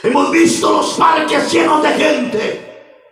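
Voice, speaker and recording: A male pastor preaching a sermon, shouting with fervor and repeating calls to the congregation. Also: extremely high pitch, slow, recorded from a distance. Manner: impassioned, shouting, repeating "aleluya" and "hermano". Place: church sanctuary. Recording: roomy echoing church sound, from afar.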